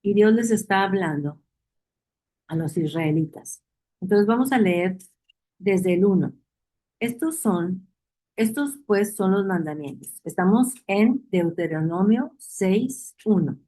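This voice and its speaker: Woman Bible teacher, mellow warm tone, repeats points, quizzes the class. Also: mid-range voice, animated, slow pace, low-quality recording. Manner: reads verses aloud and asks the class questions; repeats key phrases for emphasis.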